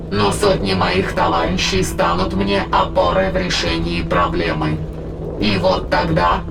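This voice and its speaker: In an audio drama, a megalomaniac otherworldly spirit with a creaking, gravel-throated, medium-pitched voice delivers a long villainous monologue about its plot to conquer humanity. Its manner is formal, measured, grandiose, and coldly persuasive, with dramatic music playing clearly underneath in a low-quality recording.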